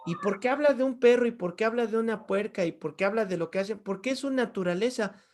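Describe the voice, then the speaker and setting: In this Bible class lecture, a middle-aged man speaks quickly in a high voice with a somewhat dark tone. Teaching theology, he throws out rhetorical questions and supplies the answers on his own.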